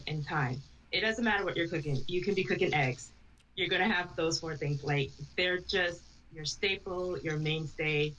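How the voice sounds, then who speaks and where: A woman's voice: lowish voice, a bit bright. A young woman from Jamaica, a podcast guest chatting casually with lots of "like" and "you know". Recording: slightly dull sound with faint noise.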